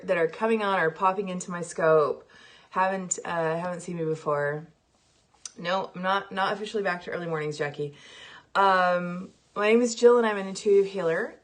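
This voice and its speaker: Chatty middle-aged lady on a phone livestream, kinda low voice, laughs a lot, greets everyone then guides meditation. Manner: chatty, laughs often, greets viewers by name.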